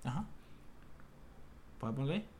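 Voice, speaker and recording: A man's voice: mid-range voice, sing-song, mellow, slight background noise. A man with a Venezuelan Spanish accent, co-hosting a podcast in casual, rambling, slang-filled chat. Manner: rambling, slangy, reads aloud haltingly. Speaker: podcast co-host.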